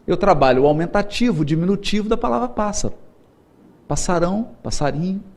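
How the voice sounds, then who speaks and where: A middle-aged man with a Brazilian Portuguese accent, a spiritist lecturer, gives a seminar talk in a high-pitched, animated, brisk voice with a darkish tone. He tells stories playfully, laughs often, and acts out the voices of the people he quotes.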